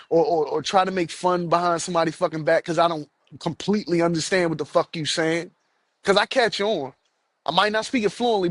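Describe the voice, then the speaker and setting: Swearing and repeating himself, a man rants in anger on his own podcast. He's an American adult with children, his voice is on the high side, and the audio is clean studio sound with no echo.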